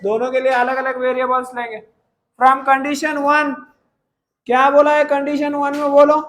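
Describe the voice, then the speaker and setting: A man's voice: extremely high pitch, completely flat delivery, poor audio. A male math teacher, teaching a class. He dictates problems word by word and keeps asking the students whether they follow. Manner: dictates English problem text slowly, word by word.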